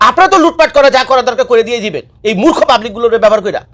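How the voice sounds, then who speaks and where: Male commentator, high voice, rapid-fire scolding monologue, repeats his warnings. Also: expressive, fairly bright tone. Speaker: political commentator. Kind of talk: impassioned political monologue. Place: living abroad.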